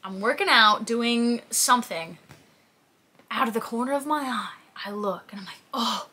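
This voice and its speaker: With a slightly high, sharp and a little rough voice at a moderate pace, this 20-something woman chats to camera as a fitness creator. Seated in a small, plain indoor room, she answers viewer questions and acts out the tales she tells.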